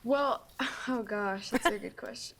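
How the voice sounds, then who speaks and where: A woman's voice: a little high, unhurried, crowd noise. A young woman guesting on a talk show, answering in a giggly, hesitant way with many fillers. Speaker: actress guest.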